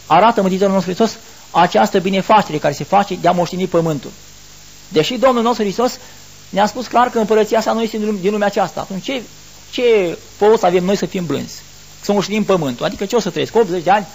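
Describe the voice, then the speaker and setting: A man's voice: high voice, vocal fry, husky. A middle-aged man preaching a sermon to the faithful in an earnest, explanatory way, asking rhetorical questions and answering them.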